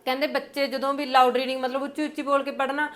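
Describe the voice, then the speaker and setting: Her voice high-pitched and her delivery flat, a young Punjabi-accented woman leads an exam-prep class. She is patient in her explanations, leans on lots of fillers, and reads English points at a slow pace.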